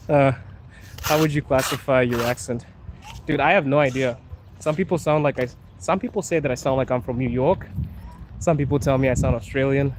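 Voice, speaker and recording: A man from Zimbabwe live-streaming as he walks outdoors, chatting casually and reading viewer comments aloud. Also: mid-range voice. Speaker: streamer and podcast host. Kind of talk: live-stream walking chat. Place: outdoors on city streets. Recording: noisy outdoor street recording. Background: traffic and street noise.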